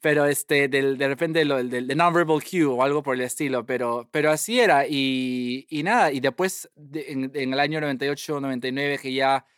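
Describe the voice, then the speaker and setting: A young man, a guest telling his story in a lively way and slipping English phrases in among fillers. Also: medium pitch, normal speed, few pauses, clear, resonant tone, no room sound, clean studio sound. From Peru. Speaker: guest scientist. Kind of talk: casual interview storytelling.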